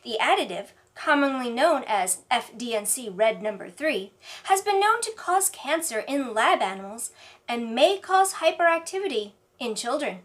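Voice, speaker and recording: Woman, high-pitched, very varied intonation, spoof news anchor, deadpan script reading. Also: normal speed. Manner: deadpan newsreader delivery. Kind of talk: scripted mock newscast narration.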